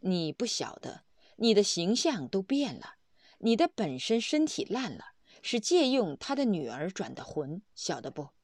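A pushy bank manager bargains and explains, as a woman narrator puts him on. The voice swings lively in pitch. The sound is close and dry. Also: unhurried, no echo. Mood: persuading.

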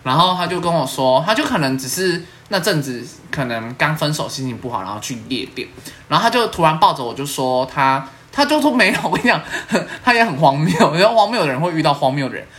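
A young adult podcast host, she speaks with a Taiwanese Mandarin accent in a low-pitched voice at a quick pace. Her casual storytelling is animated, full of laughter and playful swearing.

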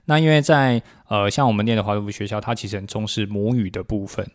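A man's voice: fairly low pitch, fairly even intonation, fast. A man with a Taiwanese Mandarin accent, co-hosting a casual chat and slipping into Hokkien phrases. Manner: repeats confirmations, switches into Taiwanese Hokkien phrases. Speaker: podcast co-host, parent.

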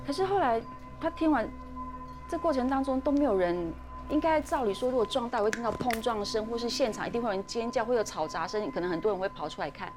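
A woman's voice: on the high side, animated, fast. A woman, hosting a podcast and dramatically telling a ghost story, with frequent fillers and restarts. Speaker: podcast host. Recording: podcast with music underneath.

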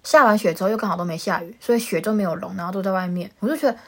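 Young woman podcast co-host, quick and lively. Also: medium pitch. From Taiwan. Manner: animated storyteller, acts out quotes. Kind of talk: casual chat.

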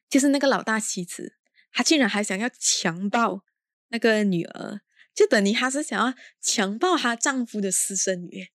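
A woman's voice: medium pitch, no echo, studio quality. A woman hosting a casual film review podcast. She talks in an exasperated, sarcastic way and drops in English exclamations. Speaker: podcast host.

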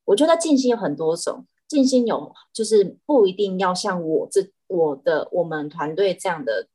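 A woman's voice: on the low side, expressive, normal speed, warm tone, slightly rough. A woman, an animal communicator chatting as a podcast guest. She tells stories animatedly, with frequent restarts. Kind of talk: casual podcast chat.

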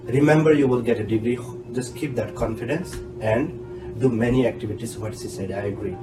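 In an echoey room with a loud music bed, a doctoral graduate in his thirties with an Indian accent gives frank, emphatic advice as a podcast interview guest. His mid-range voice moves at a brisk pace.

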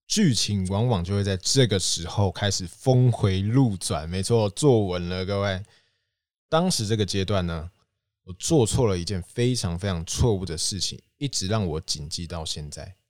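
A young man with a Taiwanese Mandarin accent telling his own story as a podcast host, with animated bursts when he acts out his younger self. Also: low voice, no room sound, clean studio sound. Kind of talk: storytelling monologue.

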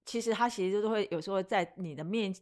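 Quick, chatty young woman. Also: mid-range voice, darkish tone. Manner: agreeable, chatty, quick to affirm. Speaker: podcast co-host. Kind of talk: casual chat.

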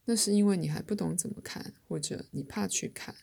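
Woman doing a calm spirit guide in an audiobook, gently reassuring, low and a bit gravelly. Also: a little fast, full character voice.

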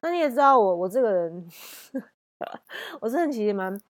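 A woman, telling a personal story in a casual podcast chat, blunt and lively. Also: fairly high pitch, normal speed, no room sound, studio quality. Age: 30s. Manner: blunt and animated, acts out heated phone quarrels. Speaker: podcast host.

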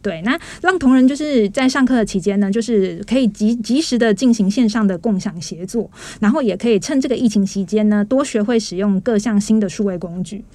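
A woman's voice: medium pitch, a little fast, few pauses, darkish tone, no room sound. A woman guest from human resources answering interview questions in an upbeat, explanatory way, with a Taiwanese Mandarin accent. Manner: upbeat, explanatory, mild fillers. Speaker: HR staff guest.

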